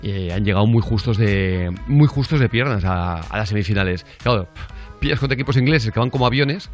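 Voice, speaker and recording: A man's voice: lowish voice, animated, brisk, lo-fi sound, soft background music. A man hosting a morning radio show, bantering and joking with co-hosts and often mimicking voices.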